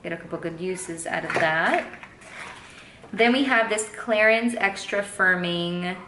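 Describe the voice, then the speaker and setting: A beauty vlogger in her thirties chats casually at home during an unboxing, rambling along with playful asides. Her voice is on the low side, sharp in tone, and measured in pace. The room is echoey, with faint background noise.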